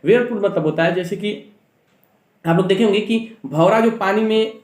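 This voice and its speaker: A young male teacher with a fairly high voice explains a story to students. He reads lines out slowly, then hurries through his own explanation and keeps asking and answering his own questions. The sound bounces around an echoey room. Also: a little mellow. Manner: slows to read English lines aloud, then explains them quickly in Hindi; asks questions and answers them himself. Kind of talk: explaining an English story in Hindi to school students.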